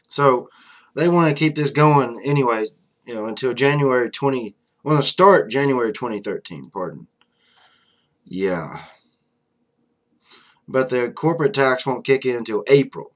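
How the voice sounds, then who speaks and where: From a small room with a flag on the wall, a young adult vlogger airs political opinions straight into his desk webcam, blunt and loose, with lots of asides and fillers like "you know". His middling pitch flows conversationally, expressive and measured with long pauses.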